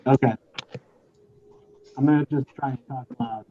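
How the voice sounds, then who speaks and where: Man, finance director, muffled through-the-wall sound, halting and checking he's heard, thin phone-like audio. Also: mid-range voice, fairly even intonation, a little hiss or hum. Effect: muffled and very quiet, as if through a wall. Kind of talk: financial presentation on a video call. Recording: muffled lo-fi remote call audio.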